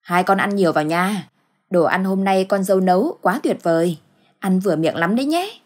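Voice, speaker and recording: Lady doing a sly old mother-in-law, sweet on top and scheming, husky. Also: medium pitch, expressive, moderate pace, darkish tone, lightly acted. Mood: fake sweet.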